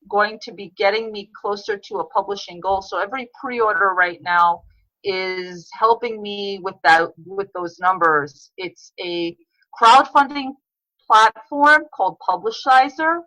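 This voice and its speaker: Female author guest, New York upbringing, earnest and reflective, bright forceful voice, dry sound. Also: mid-range voice, no room sound, lo-fi sound. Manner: earnest, reflective, with frequent restarts. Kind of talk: podcast interview conversation.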